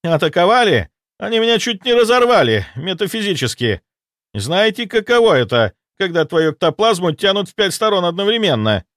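A man voicing the frantic ghost of an old-time army officer, shouting breathless, indignant reports in an audiobook. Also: high voice, very animated, brisk, dry recording, studio quality, voice pushed up. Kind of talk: audiobook character voice.

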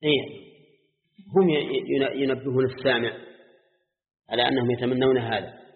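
A man's voice: medium pitch, steady tone, normal speed. Older male scholar teaching Quran exegesis, chanting verses, tinny phone-like audio with long hall echo. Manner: explains step by step, often asks students "ha?", chants verses. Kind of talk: classroom Quran exegesis lesson. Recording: tinny lo-fi recording in an echoey hall.

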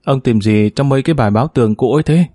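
A man voicing a lively, cheerful young village woman with a clear, ringing girlish tone and an eager, affectionate way of talking. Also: medium pitch, racing, no echo, clean studio sound, natural voice.

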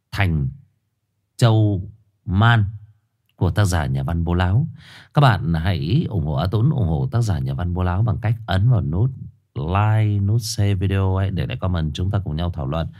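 A man's voice: deep voice, animated, measured pace, dark tone. A man hosting a live horror story stream, chatting with viewers by name, with a stuffy nose and an occasional cough. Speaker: host of a live horror story reading channel. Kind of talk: livestream chat and story introduction.

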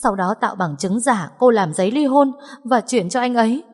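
A woman voicing a terrified scheming young wife who begs in stammering, shrill pleas. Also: moderate pace, a little mellow, big-room sound, lightly acted. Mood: confessing.

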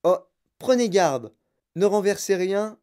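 A narrator voicing an excitable, eccentric grown-man candy-maker who talks in boastful, bouncy exclamations. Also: mid-range voice, takes it slowly, pitched above the performer's own voice. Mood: eager, hurried.

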